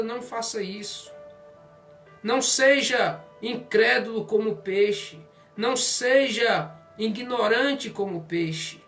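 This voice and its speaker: Earnest pastor preaching. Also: male voice, very high-pitched, a bit bright. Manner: earnest, pleading appeals to listeners. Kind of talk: sermon. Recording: distant mic, faint music behind.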